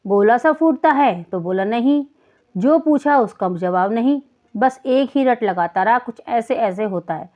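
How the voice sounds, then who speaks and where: A woman reading the part of a worried father of a sick boy in a slow, bewildered way. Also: a little high, animated. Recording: dull lo-fi recording.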